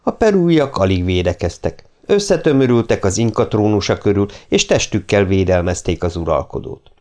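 A man narrating an audiobook in a steady, measured reading voice. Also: fairly low pitch. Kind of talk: scripted narration.

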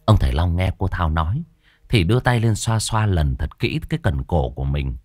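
A man's voice: low-pitched, lively intonation, moderate pace, darkish tone, no echo, soft background music. A man narrating a horror story in a dramatic, suspenseful storytelling voice.

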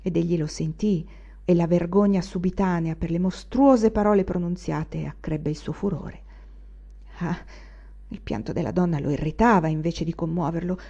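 A woman narrating a literary audiobook in a measured, expressive way. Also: medium pitch, dull audio. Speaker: audiobook reader.

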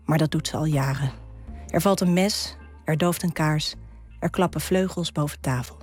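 A woman guest poet on a radio show, reading her own poem in a calm, measured way with deliberate pauses and talking about it in a studio. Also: low voice, breathy edge, soft background music. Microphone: studio microphone.

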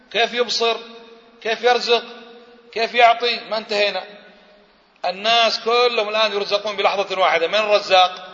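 A preacher lectures in a high, bright voice, pressing the audience with questions and answering them himself. The recording is muffled and carries the long reverb of a lecture hall. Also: male voice. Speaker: Islamic preacher. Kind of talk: religious lecture.

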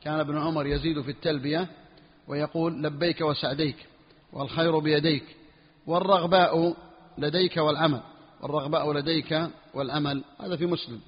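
A man teaching a religious text in a classroom lesson, repeating phrases slowly for his students. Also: a little high, steady tone, husky. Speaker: Islamic scholar teaching a book. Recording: dull lo-fi recording in a reverberant hall.

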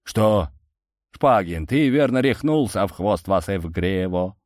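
A man voicing a gruff, grumbling male dwarf miner with a sweet tooth, in an audiobook. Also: low voice, expressive, a little mellow, no room sound, clean studio sound. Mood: suspicious. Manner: gruff, grumbling, drawn-out slow speech. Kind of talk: audiobook character voice.

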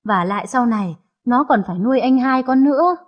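The figure is an aging mother , played by a woman narrator, who scolds with sharp words. The voice sits high and slightly husky, in a read-aloud audio story. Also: lively intonation, fairly quick, dull audio. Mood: earnest. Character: stern grieving elderly mother, family matriarch.

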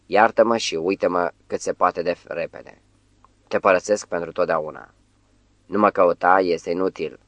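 A man's voice: low voice, steady tone, a bit bright, dry recording, muffled recording. A man reading as an exultant new witch. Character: exultant young woman turned witch.

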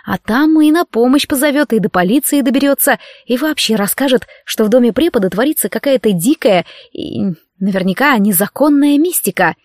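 A woman narrating a romance audiobook in an expressive storytelling manner. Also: fairly high pitch, brisk, no room sound, clean studio sound.

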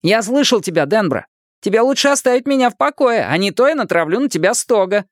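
A shrill, wisecracking show-off boy from a storybook, mocking and clowning with lively, swooping pitch, as a male reader puts him on. The voice leaps high and low, and the recording is dry and close. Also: fast talker, dry recording. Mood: teasing.

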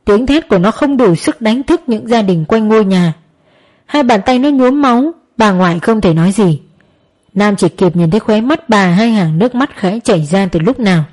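A woman reads a dramatic story aloud. Her delivery is emotive and tense, and she speaks at an everyday pitch. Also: expressive, normal speed, darkish tone. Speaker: narrator.

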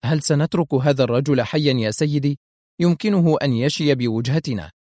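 A man's voice: medium pitch, fairly quick, mellow, no room sound, clean studio sound, natural voice. A man voicing a wary young female intelligence lieutenant with a sarcastic edge. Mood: worried. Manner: sarcastic, anxious.

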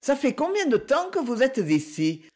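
A reader voicing a gentle, determined woman in her seventies, speaking softly and coaxingly in a slightly raised voice. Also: sits high, sing-song, moderate pace, pitched above the performer's own voice. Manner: soft-spoken, coaxing.

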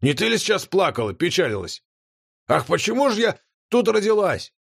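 A man's voice: high-pitched, sing-song, moderate pace, creaky, slightly rough, no echo, clean studio sound, pitched above the performer's own voice, full character voice. A man voicing a cheeky, potbellied male chaos creature who mocks and lectures in a folksy way. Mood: mocking.

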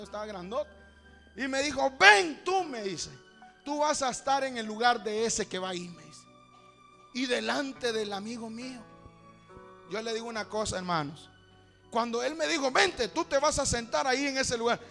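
A man's voice: high-pitched, gravelly. A man from Honduras, preaching a folksy storytelling sermon and calling his listeners brother, with music playing underneath. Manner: folksy, keeps addressing the congregation as brother; builds to shouted praise at the end. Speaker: pastor.

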